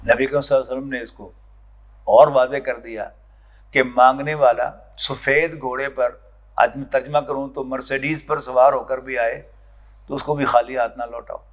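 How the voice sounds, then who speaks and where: A man's voice: medium pitch, fairly even intonation, normal speed. Pakistani man lecturing a class. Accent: Pakistani Urdu. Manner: explaining, asks the class questions. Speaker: Quran lecturer. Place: lecture hall.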